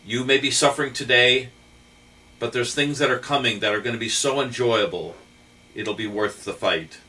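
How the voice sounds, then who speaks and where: A middle-aged man speaks in a heartfelt, gentle way about faith, pausing and using fillers as he goes. His voice is bright and a little distant from the microphone. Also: mid-range voice. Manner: earnest, gentle, with fillers and pauses. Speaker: channel host. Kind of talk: heartfelt faith talk to camera.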